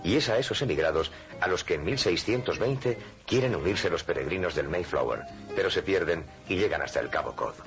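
A man's voice: low voice, animated, brisk, over music. A man narrating an educational history cartoon in a solemn, scripted style.

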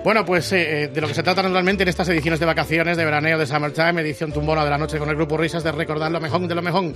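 Fast, high-voiced man hosting comedy radio. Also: music in the background. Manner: colloquial, animated interjections and repetitions. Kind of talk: bantering comedy radio chat.

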